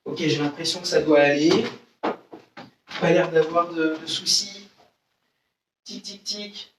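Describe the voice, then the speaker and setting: A man teaching an online karate class, explaining moves and calling out counts and sharp shouts. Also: fairly high pitch, unhurried, noisy background. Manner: calls out Japanese counts and sharp kiai shouts. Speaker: karate instructor. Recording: roomy echo, heard from a distance.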